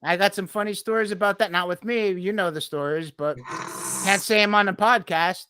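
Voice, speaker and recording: Bright, dry-miked man telling animated stories. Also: high voice, fairly quick, clean tone, no room sound. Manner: animated storytelling, laughing. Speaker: podcast co-host. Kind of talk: casual chat.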